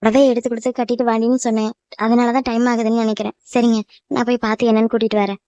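A woman's voice: on the high side, level tone, rapid-fire, mellow, no echo, highs cut off, close to an everyday voice. A woman voicing a worried, loving cartoon mother who fusses and pleads with her newly married daughter. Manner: fussing, emotional, pleading. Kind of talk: cartoon voice acting.

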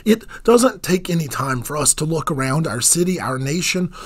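Husky-voiced man preaching a lively sermon. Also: a little high. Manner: earnest, measured preaching with dropped voice on key phrases.

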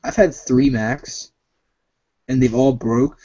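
A young man chatting casually over a phone video call, halting and full of "like" fillers. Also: medium pitch, fairly even intonation, mellow. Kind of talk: casual chat. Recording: muffled phone call audio.

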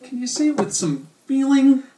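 Jokey man with a lively voice. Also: very high voice, normal speed. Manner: jokey, playful. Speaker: co-host. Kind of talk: casual chat reviewing a TV show. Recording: roomy, distant mic.

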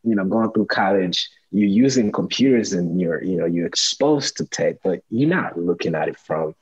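Deep-voiced man from Rwanda, upbeat host. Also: expressive, normal speed, slightly rough, highs cut off. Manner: upbeat, laughs often, many "you know"s. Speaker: podcast host. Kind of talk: casual interview chat. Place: small room at home.

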